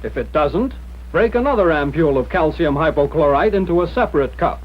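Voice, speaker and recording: An American man reading scripted instructions in the formal, measured manner of a 1940s military training film narrator. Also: on the high side, lively intonation. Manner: mid-century newsreel-style narrator, formal, measured instruction. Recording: dull, lo-fi 1940s film soundtrack.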